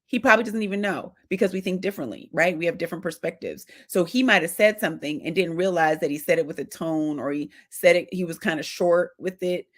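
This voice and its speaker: A middle-aged woman who coaches couples, giving direct, lively marriage advice to wives and acting out short quoted exchanges. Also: on the low side, fast talker, hardly any pauses. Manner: direct, animated, acts out little quoted exchanges. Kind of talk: casual advice talk to women.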